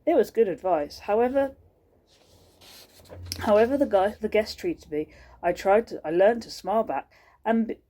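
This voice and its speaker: A woman teacher reading a storybook aloud to children, expressive and pausing to show the pictures. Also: mid-range voice.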